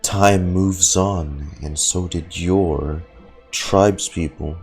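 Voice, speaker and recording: A gaming streamer gives casual, playful, profane commentary while playing, sometimes reading dialogue aloud, with faint game music behind him. He speaks slowly in a low voice.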